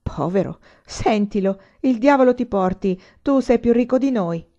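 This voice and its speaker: A woman's voice: on the high side, expressive, moderate pace, warm tone, voice pushed up. A woman putting on a pushy young schoolmate. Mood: insistent. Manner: insistent, coaxing. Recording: slightly muffled recording.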